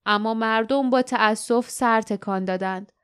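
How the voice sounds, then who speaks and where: Clear, smooth woman audiobook narrator. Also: fairly high pitch, no room sound, studio quality. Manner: even, clear reading. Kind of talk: scripted narration.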